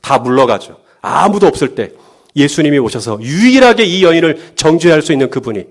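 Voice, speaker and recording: Pastor guy preaching, lively, keeps throwing questions at the crowd, voice a bit high. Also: fairly quick. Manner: lively, asks the congregation rhetorical questions, acts out quotes. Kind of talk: sermon.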